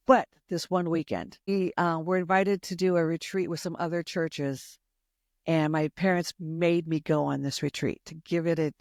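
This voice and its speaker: A woman's voice: fairly low pitch, a little mellow, no room sound. Woman in her 60s, veteran youth pastor type; earnest, heartfelt testimony voice, recorded close and dry. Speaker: longtime youth pastor, guest. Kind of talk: personal faith testimony in conversation.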